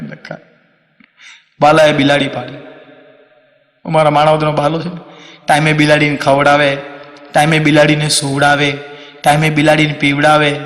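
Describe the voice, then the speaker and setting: Man, Kathiawari accent, stand-up storyteller, lively delivery, echoey hall. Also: on the high side. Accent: Kathiawari Gujarati. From Saurashtra, Gujarat. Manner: lively, swings into loud acted quotes. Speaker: stand-up comedian. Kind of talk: comic storytelling on stage. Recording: long hall reverb on a stage mic.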